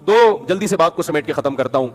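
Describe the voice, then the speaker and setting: Lively man giving a storytelling sermon. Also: a little high, faint music behind. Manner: lively, addresses listeners as brother, acts out quotes. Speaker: religious speaker.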